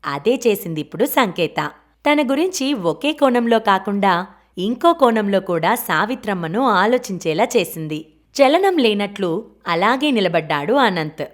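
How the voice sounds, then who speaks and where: A woman's voice: medium pitch, lively intonation, measured pace. Woman reading a novel aloud. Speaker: audiobook narrator. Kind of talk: novel narration.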